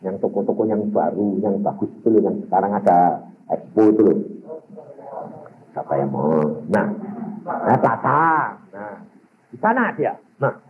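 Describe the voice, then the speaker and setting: A man preaching a sermon, telling a personal story with animated delivery and speaking straight to the congregation. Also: lowish voice, unhurried, pauses often. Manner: animated, addresses the congregation directly. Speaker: pastor. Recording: tinny lo-fi phone-like recording with faint hiss.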